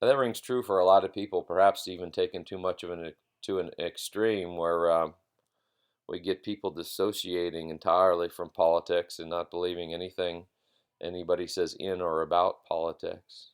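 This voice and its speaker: A man giving an informal philosophy lecture in a halting, reflective way, repeating phrases for emphasis. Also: low-pitched, little pitch movement, smooth.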